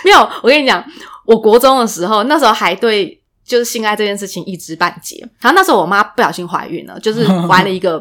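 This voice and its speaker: A woman's voice: medium pitch, animated, fast talker, few pauses, fairly bright tone. A young woman, co-hosting a casual chat and telling candid, joking stories. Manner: candid, joking storyteller who acts out relatives' lines. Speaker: podcast co-host.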